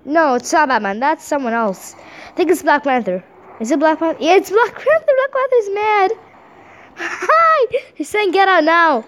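A woman with a high, sing-song voice narrates a game as she plays, bursting into giggles and squeals. Her delivery is unhurried and she talks to herself between the laughs. A faint hiss sits under her voice. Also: animated. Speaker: gameplay host. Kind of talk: let's play commentary.

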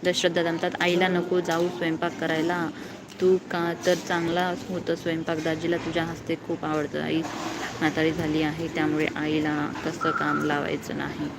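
A woman's voice: sits low, monotone, normal speed. A young woman, live-streaming from outdoors at night and chatting casually as she reads viewer comments aloud and answers them. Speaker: livestreamer reading viewer comments. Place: outdoors below a housing block at night. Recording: outdoor phone recording with clear background noise.

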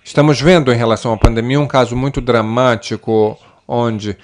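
A man's steady, mid-range voice carries a simultaneous interpretation of a panel discussion. He sounds measured yet halting, full of fillers, pauses and restarts.

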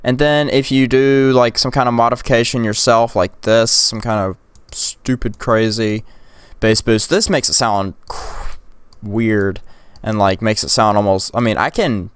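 A young man talks through a casual software tutorial in a smooth, clean voice. He rambles with plenty of fillers and restarts. He sits close to a condenser mic in a dry, dead room. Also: on the low side, steady tone, a little slow, no echo. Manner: rambling, filler-heavy, drops to whispers and yells in demos. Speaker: tech tutorial creator. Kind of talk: casual screen-recorded tutorial. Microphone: close USB condenser mic.

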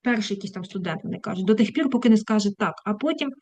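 A woman's voice: medium pitch, expressive, rapid-fire, a little mellow, no echo. Woman teacher rambling thru an online lesson, dry close mic, talks to herself a lot. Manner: chatty, self-interrupting, affectionate asides. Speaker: English teacher.

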